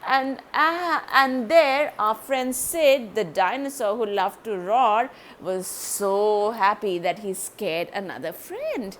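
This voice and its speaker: A woman reading a children's story aloud, animated and speaking directly to young listeners. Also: mid-range voice, takes it slowly, hardly any pauses, slight background noise.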